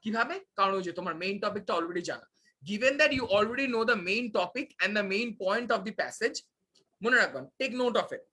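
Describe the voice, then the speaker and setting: A man's voice: high-pitched, animated, unhurried, pushed and bright, rough recording. A young man teaching a live online class, switching between Bangla and English with frequent filler sounds.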